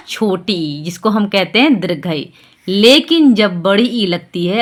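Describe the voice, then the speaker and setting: A woman's voice: mid-range voice, a bit bright. Patient woman explaining with rhetorical questions. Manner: patient, repeats examples and checks in with rhetorical questions. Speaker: teacher explaining Hindi vowel signs to parents. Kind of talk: explanatory lesson.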